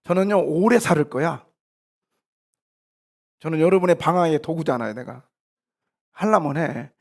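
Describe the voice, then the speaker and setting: A male pastor delivers an animated sermon in a church. His voice is high and gravelly, and he drops to quiet asides before building to loud exhortations. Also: normal speed. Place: church sanctuary.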